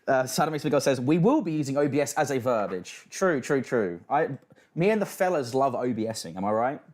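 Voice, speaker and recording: A man's voice: medium pitch, animated, brisk, darkish tone. A British man hosting a casual livestream, reacting and reading out chat with sweary, mocking banter. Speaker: livestream host.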